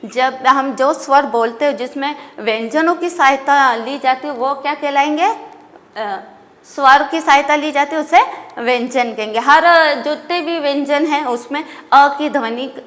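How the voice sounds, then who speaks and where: Slow, high-voiced woman teaching a class. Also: a bit bright, long reverb tail. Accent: Indian Hindi. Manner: slow and deliberate, repeats questions and answers. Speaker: school teacher. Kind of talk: classroom lesson, asking and answering her own questions.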